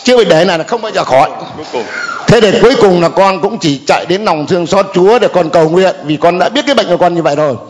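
An older man with a fairly high voice gives a spoken testimony, halting and hesitant, full of small pauses and fillers. His words ring out with a long reverb, as if he stands in a large church hall. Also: animated.

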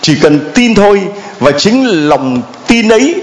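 Playful priest preaching to kids. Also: male voice, high-pitched, very animated, a little slow. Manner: playful, asks questions and calls for answers. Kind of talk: homily with children and congregation. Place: church.

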